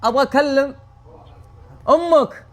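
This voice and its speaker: Saudi man, extremely high voice, short childlike repeated lines, prank-chat feel. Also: moderate pace. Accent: Saudi Arabic.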